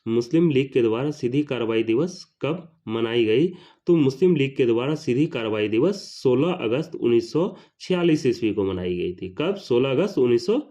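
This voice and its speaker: A man teaches history for an exam, reading each question and then repeating it along with its answer. He announces every question number higher and louder, speaking expressively at a normal speed.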